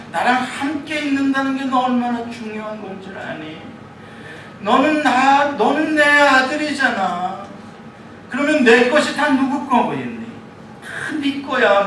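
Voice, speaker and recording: A man's voice: extremely high pitch, a bit bright, very echoey, distant mic, slight background noise, voice pushed up, low-quality recording. A man voicing a loving father who welcomes his son home, talking in a tender, coaxing way.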